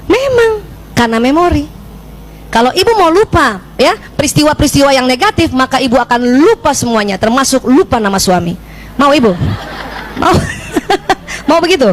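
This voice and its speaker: Speaking at a moderate pace in a voice that sits high, a middle-aged woman from Indonesia addresses mothers in a lively talk about parenting. The recording is rough, and she frequently poses questions to the audience and demonstrates scolding a child.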